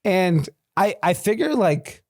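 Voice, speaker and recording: A man's voice: high voice, expressive, slow, a little mellow. A man hosting a podcast, telling stories in casual chat, swearing freely and laughing often. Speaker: podcast host.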